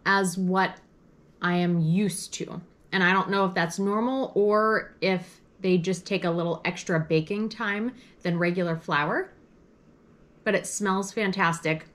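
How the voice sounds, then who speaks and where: Woman, mid-pitched, chatty home cook reviewing dishes as she tastes them. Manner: chatty, describes flavors and textures in detail. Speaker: food blogger recreating vintage recipes. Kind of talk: casual taste-testing commentary.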